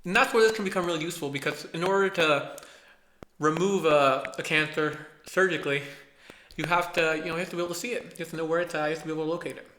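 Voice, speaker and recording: A young man with a lisp that slurs his s sounds, giving an informal, halting research presentation as a student presenter. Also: on the high side, sharp tone, a little hiss or hum. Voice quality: lisp from braces, slushy s sounds. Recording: echoey room sound.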